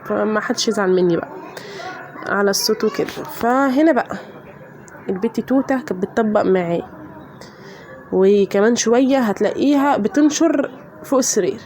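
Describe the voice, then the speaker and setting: A woman's voice: mid-range voice, brisk, pauses often, darkish tone. An Egyptian woman, a mother vlogger with a voice changed by a cold, chatting and joking with viewers about her kids' laundry. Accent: Egyptian Arabic. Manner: chatty, swears oaths, laughs often. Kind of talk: casual voice-over chat.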